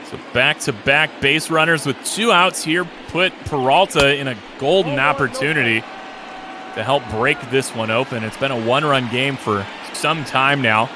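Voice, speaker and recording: A man's voice: medium pitch, moderate pace, background noise. A man doing casual color commentary on a baseball game, easygoing and enthusiastic.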